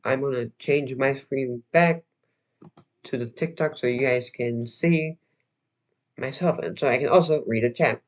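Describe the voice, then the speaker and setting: Slightly hoarse and clearly losing his voice, this young livestream host keeps things casual. His pitch is medium, and his talk wanders and stalls, packed with fillers and fresh starts.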